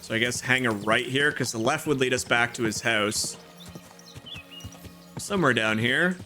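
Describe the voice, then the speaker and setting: A man hosts a casual gaming playthrough in a bright, mid-range voice. He chats and thinks aloud in exclamations, with game music faintly behind him. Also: medium pitch, moderate pace.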